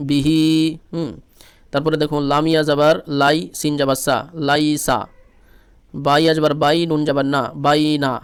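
A man's voice: on the high side, clear, resonant tone, no echo. A man with a Bangladeshi Bengali accent teaching Quran reading, patiently spelling out syllables one by one in a repetitive drill.

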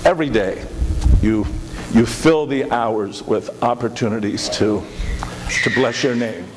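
A middle-aged pastor speaks earnestly in prayer and announcements, his medium-pitched voice a little slow and often repeating words. He is in a large church sanctuary, and the recording carries the reverberation of the hall along with some hiss.

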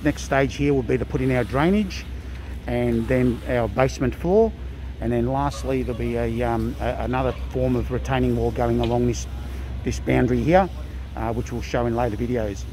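A middle-aged Australian man giving a casual, halting walkthrough of an outdoor building site, filled with ums and uhs. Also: medium pitch, noisy background. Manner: plain-spoken, many ums and uhs, halting restarts. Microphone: handheld phone camera.

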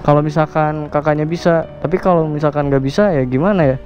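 A man's voice: a little high, fairly even intonation, fast talker, a little mellow. A young man vlogging by a roadside on his motorbike, talking in casual slang and soothing someone with repeated reassurances. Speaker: motovlogger host. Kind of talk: casual roadside vlog talk. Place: outdoors by a roadside. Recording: dull lo-fi sound with faint music.

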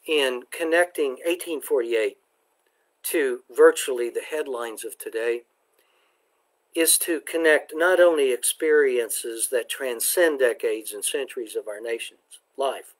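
Slow, measured male book presenter. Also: mid-range voice. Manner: slow, deliberate, measured delivery. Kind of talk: book talk with read-aloud passages.

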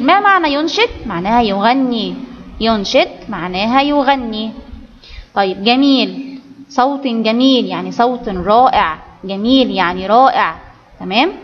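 A woman's voice: a little high, in a large hall, muffled recording. A woman with an Egyptian accent teaching children Arabic grammar, explaining step by step and often checking that the class follows. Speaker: primary school Arabic teacher. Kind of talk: online grammar lesson for children.

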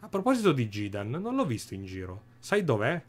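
A man voicing a gruff old bandit boss in a put-on manner, tagging his lines with "eh?". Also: medium pitch, wildly swooping pitch, brisk. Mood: mocking. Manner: drawling mafioso address, tags "eh?".

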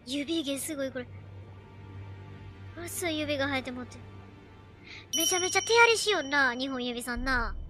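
A woman with a Kansai accent keeps up excited, joking game commentary in a very high voice. Her pitch swings widely from line to line, and loud game music plays behind her throughout. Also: normal speed, long pauses. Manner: excitable, chatty running commentary with jokes. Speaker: game streamer. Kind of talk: let's play commentary. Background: loud game music and sounds.

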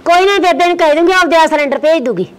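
A woman plays a wronged young village wife with a Malwa Punjabi accent, high and quick, pleading and defensive as she argues her side in a short film drama. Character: married daughter Sukhpal, thrown out by her husband. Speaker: actor.

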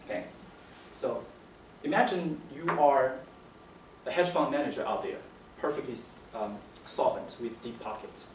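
A young man presents academic work in a hesitant, stop-and-start way, often repeating words. His voice is mid-pitched and picked up from a distance in an echoey seminar room, with faint noise. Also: lively intonation, measured pace, darkish tone. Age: young adult. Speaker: PhD candidate presenting. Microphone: distant camera microphone.

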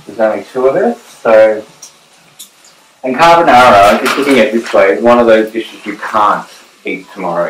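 Low-voiced man cooking at home. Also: noisy background. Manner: chatty, gives tips while working at the stove. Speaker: cooking show host. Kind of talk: casual cooking demonstration. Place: home kitchen. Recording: echoey kitchen with pot and cutlery clatter. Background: cutlery and pan clatter.

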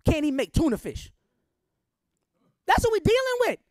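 A middle-aged woman lecturing with fire and bluntness, her high voice leaping all over as she throws out rhetorical questions. The sound is dry and close, with almost no room around it. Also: huge pitch swings, moderate pace, darkish tone, dry recording. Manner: fiery, preachy, full of rhetorical questions; blunt, colloquial. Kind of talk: impassioned public lecture.

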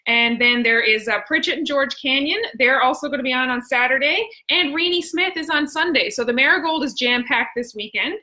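Newfie accent woman hosting a livestream, highish bright voice, slangy and super chatty. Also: a little fast, few pauses. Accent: Newfoundland. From Newfoundland. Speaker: host. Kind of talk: casual live-stream announcements and chat.

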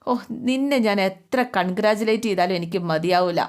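A woman's voice: medium pitch, fairly quick, darkish tone, natural voice. A woman voicing a smug, gloating man who is effusive and triumphant.

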